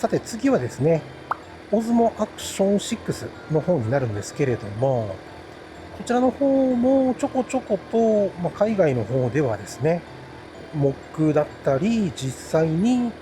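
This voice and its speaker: A man chatting casually and politely to viewers as a motovlogger, explaining things with drawn-out phrase endings, his voice recorded inside a helmet. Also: fairly high pitch, sing-song. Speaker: motovlogger reviewing action cameras. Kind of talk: casual solo chat to viewers. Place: riding a motorbike outdoors, talking inside a helmet. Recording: noisy motorcycle ride, inside a helmet.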